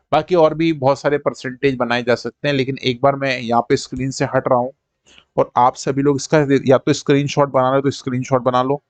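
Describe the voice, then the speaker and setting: A man teaching a live-streamed maths lesson, drilling fractions and percentages in quick call-and-response and checking that his students follow. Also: medium pitch, no echo. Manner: coaxing, repeats "ठीक है" to check students follow.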